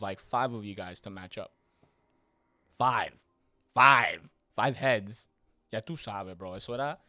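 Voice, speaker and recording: Animated, slangy man telling stories. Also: fairly low pitch, dry recording. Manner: loose and animated, swearing, slangy asides, rising excitement on punchlines. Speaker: podcast host. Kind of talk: casual personal storytelling monologue.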